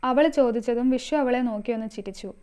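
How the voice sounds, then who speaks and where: A woman's voice: fairly high pitch, fairly even intonation, fast talker, warm tone. A woman narrating a scripted story, reading all the characters herself. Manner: reads all characters herself, mostly in her own voice.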